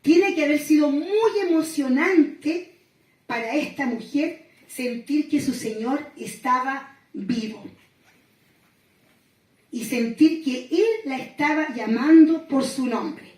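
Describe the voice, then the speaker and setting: A woman pastor from Chile giving a sermon reflection, telling the story gently and pausing often. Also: high-pitched. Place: small gathering room. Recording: echoey room, voice from far off.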